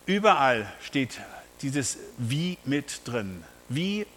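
A man's voice: medium pitch, very animated, drawn-out words, a bit bright, in a large hall, slight background noise. A man preaching a sermon, emphatic and speaking straight to his congregation with rhetorical questions. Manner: addresses the congregation directly.

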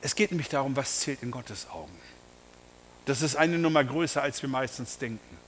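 A man's voice: medium pitch, lively intonation, moderate pace, in a large hall, a little hiss or hum. A man preaching a sermon, emphatic and speaking straight to his congregation with rhetorical questions. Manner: addresses the congregation directly.

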